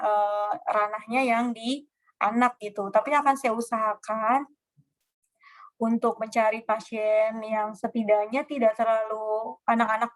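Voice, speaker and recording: Woman giving a chill lecture, lots of uh and um, acts out little example questions. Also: a little high. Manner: casual, many fillers and acted example questions. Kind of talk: online lecture with slides.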